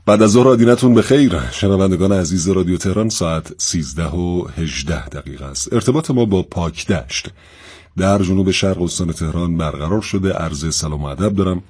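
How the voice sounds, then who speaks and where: A man hosting a radio program, courteous and measured in a formal presenting style. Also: deep voice, a little mellow, breathy edge, soft background music. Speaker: radio host.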